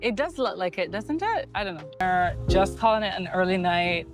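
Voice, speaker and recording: Over music, a Barbadian woman vlogger chats casually into a handheld phone camera, asking her viewers questions while running errands around a city, in her car and in shops. Her voice is lowish and animated, her pace moderate.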